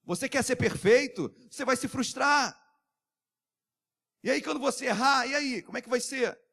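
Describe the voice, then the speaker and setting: Brazilian pastor preaching with big swings. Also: male voice, normal speed, creaky. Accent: Brazilian Portuguese. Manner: preaching with sudden swings between shouted calls and soft, low asides; calls out to the congregation for amens. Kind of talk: sermon.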